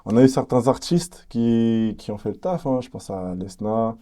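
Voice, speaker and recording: A young man from French Guiana with a French Guianese accent, a rapper chatting in an interview in a relaxed, hesitant way with many fillers. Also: medium pitch, moderate pace. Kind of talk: casual interview chat.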